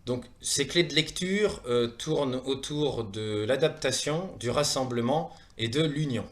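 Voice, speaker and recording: This is a semi-prepared online presentation by a thirtysomething man from Saumur, Maine-et-Loire, with a French accent and medium pitch. As presenter of a wellness training programme, he sounds earnest yet hesitant, stopping frequently and repeating words.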